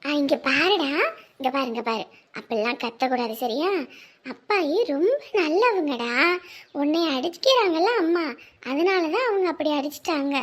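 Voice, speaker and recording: A woman's voice: sits high, animated, moderate pace. A woman playing a coaxing village grandmother. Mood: soothing. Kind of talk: village family drama.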